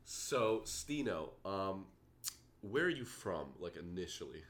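A man's voice: low-pitched, big pitch swings, slow, a bit bright. A young man hosting a casual podcast chat, laid-back and slangy, laughing often. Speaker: podcast host.

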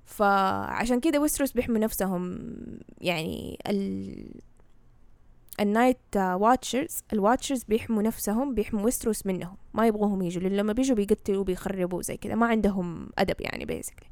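A woman speaks quickly in Hejazi Saudi Arabic with English words mixed in. She explains in a casual, conversational way, often tossing in check-in questions. The sound is close and dry. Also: mid-range voice, animated, vocal fry, a little mellow, no echo. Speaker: knowledgeable guest explaining fantasy lore.

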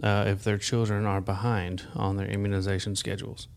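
A man with a fairly low voice hosts a health podcast interview. He keeps things upbeat, tossing in quick "awesome"s and "okay"s. His questions come in a relaxed, conversational way. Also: vocal fry. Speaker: podcast host.

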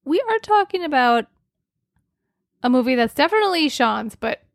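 A woman's voice: high voice, big pitch swings, normal speed, no echo, clean studio sound. A woman co-hosting a casual podcast with her husband, chatting and teasing with easy laughs. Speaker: podcast co-host. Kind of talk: casual chat.

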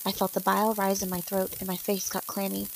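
A woman's voice: mid-range voice, monotone, a little fast, gravelly, slight background noise, poor audio. A woman reading a first-person story aloud and speaking the characters' lines in nearly her own voice. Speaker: narrator.

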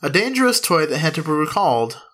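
A man's voice: fairly high pitch, very animated, fast talker, fairly bright tone. A man hosting a comedic history podcast, mixing narration with playful, profane casual chat. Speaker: podcast host.

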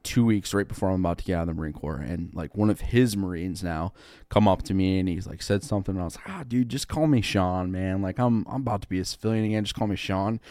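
A man's voice: low voice, a little mellow, no room sound, clean studio sound. A man in his thirties, a podcast guest, telling stories in a laid-back way, full of "dude" and "like". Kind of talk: casual storytelling.

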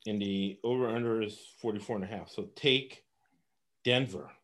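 A man's voice: lowish voice, moderate pace, fairly bright tone. A man from Los Angeles giving casual sports betting picks, rambling and laughing often.

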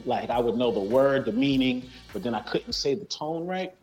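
A man's voice: medium pitch, moderate pace, soft background music, low-quality recording. A middle-aged man with a slight lisp, a basketball coach chatting casually as a guest and acting out quoted voices as he tells stories. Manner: animated storyteller, acts out quotes, many restarts. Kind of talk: casual chat.

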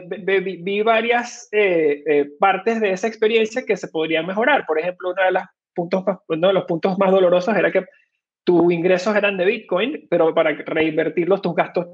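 His high, slightly rough voice comes through dull audio as he answers interview questions conversationally. The guest is a Venezuelan crypto company cofounder with a Venezuelan Spanish accent, explaining at length with many fillers and false starts.

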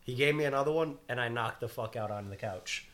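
A young man co-hosts a podcast, recounting a night out in casual, profane banter. His voice is bright and forceful, at an ordinary pitch for a man. He jokes and laughs freely. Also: fairly quick. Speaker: podcast co-host. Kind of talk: casual storytelling chat.

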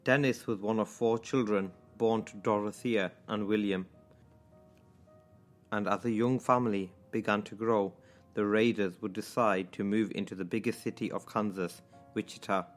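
A Mancunian man from England co-hosts a podcast, chatting casually before reading a true-crime story, his delivery hesitant and full of ums and restarts. His lowish voice is steady and at normal speed, with soft background music playing.

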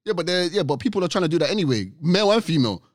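A man's voice: fairly high pitch, sing-song, racing, no room sound, studio quality. A young man with a London urban accent, chatting casually on a podcast, slangy and questioning, repeating points for emphasis. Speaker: podcast co-host.

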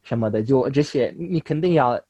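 A young man from Russia, a native Russian speaker, talks casually as an interview guest in foreign-accented Mandarin, halting and correcting himself. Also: medium pitch, mellow, slightly rough, dry recording, dull audio. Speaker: interview guest, language learner.

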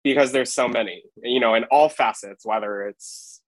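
A young man from Hawaii, a photographer guest, speaking in a relaxed, rambling way full of fillers. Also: mid-range voice, normal speed, dry recording, poor audio. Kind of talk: casual podcast interview.

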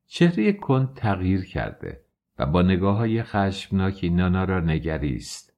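A man narrating a classic novel in a measured, formal storytelling manner. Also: deep voice, huge pitch swings, darkish tone. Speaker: audiobook narrator. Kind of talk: literary audiobook narration.

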